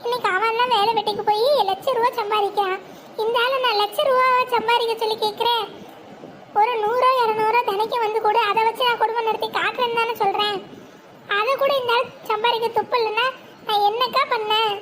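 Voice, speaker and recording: A woman's voice: extremely high pitch, fairly even intonation, brisk, a bit bright, slight background noise. A woman acting as a fed-up wife in a comedy skit, complaining angrily. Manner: angry, complaining. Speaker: actor.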